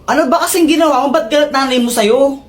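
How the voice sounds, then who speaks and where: A woman's voice: high-pitched, quick pace, close to an everyday voice. A woman voicing a cartoon duck doctor who scolds a troublemaking child and hands him a magic stick. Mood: scolding. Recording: echoey room with loud music.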